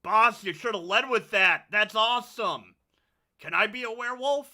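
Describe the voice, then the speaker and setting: A man acts out an excitable cultist henchman in a tabletop game, yelling in a raised, bright voice. He sounds eager and easily fooled. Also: high voice, normal speed, voice pushed up. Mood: eager awe.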